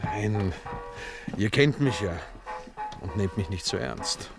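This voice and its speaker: A man's voice: lowish voice, takes it slowly, gravelly. An actor playing a brooding, resigned man back from the war in a radio drama, talking earnestly and pleading. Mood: tender. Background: dance music from a gramophone.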